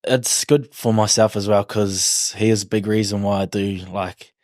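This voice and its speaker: Young nz man, broad kiwi accent, real low voice, close dry sound, laid back slangy chat. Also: level tone, normal speed, darkish tone, no echo. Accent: broad New Zealand. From New Zealand. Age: 20s. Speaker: rugby league player, podcast guest. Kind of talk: casual interview chat.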